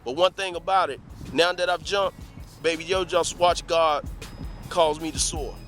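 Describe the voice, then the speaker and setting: A man's voice: a little high, steady tone, normal speed, fairly bright tone, faint music behind. A man giving a preachy motivational talk to camera, full of rhetorical questions and repeated calls of "let me tell you something.". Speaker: motivational vlogger.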